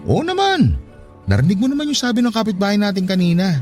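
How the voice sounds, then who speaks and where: A male actor with a Filipino accent plays an eager, trusting, affectionate older brother from the province in an emotional radio drama, with faint music under the dialogue. His voice is high and a little mellow, he talks fast, and his pitch swings hugely. The delivery is exclamatory and swooping, reassuring and hopeful.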